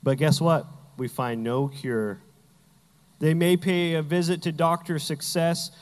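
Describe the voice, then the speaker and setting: A man's voice: on the high side, steady tone, measured pace, big-room sound. A man preaching a sermon as pastor, telling Bible stories with humor and acting out the characters.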